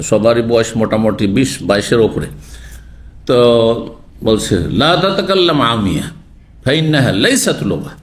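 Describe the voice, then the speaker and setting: Male lecturer, middle-aged, average pitch, quizzing tone; faint background noise. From Bangladesh or West Bengal border region. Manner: questions the audience, lively teaching tone. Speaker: Islamic scholar teaching hadith. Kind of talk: classroom religious lecture.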